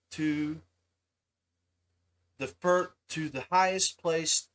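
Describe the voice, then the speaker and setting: A man hosts a livestream podcast, talking casually and informally to his viewers and calling them "guys." His voice is a little high with a fairly bright tone.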